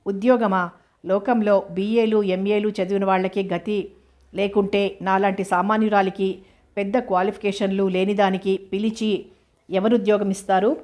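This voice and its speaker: A woman voicing a young orphaned woman who speaks with sharp, indignant questions, in a narrow flat tone. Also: medium pitch, moderate pace, natural voice. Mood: bewildered.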